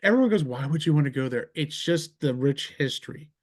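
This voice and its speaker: A man's voice: a little high, expressive. A middle-aged man from New Jersey hosting a casual interview, talking in an enthusiastic, rambling way. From New Jersey, USA. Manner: enthusiastic, rambling, quick asides. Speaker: podcast host.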